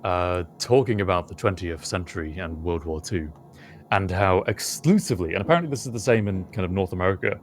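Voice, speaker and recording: A British man co-hosting a casual podcast chat, speaking in a thoughtful, measured way with frequent pauses and fillers. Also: low voice. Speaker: podcast co-host.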